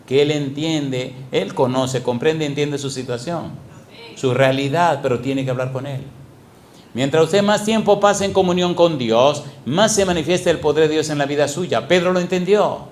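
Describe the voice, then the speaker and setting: Animated man preaching a sermon. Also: a little high, moderate pace, slight background noise. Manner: animated, asks the congregation repeated questions. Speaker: pastor. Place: church sanctuary.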